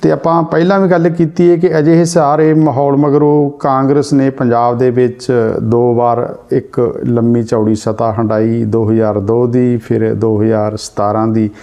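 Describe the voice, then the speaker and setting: A man with a Punjabi accent presenting a news commentary in a measured way, rephrasing his points with several near-synonyms. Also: mid-range voice, flat delivery, dark tone, highs cut off.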